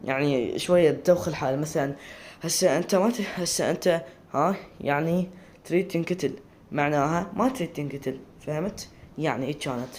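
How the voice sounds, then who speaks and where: A man's voice: a little high, quick pace, a little mellow, a little hiss or hum. A man with an Iraqi accent talking casually to camera, rambling and often breaking off to restart words. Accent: Iraqi Arabic. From Iraq. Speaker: video creator.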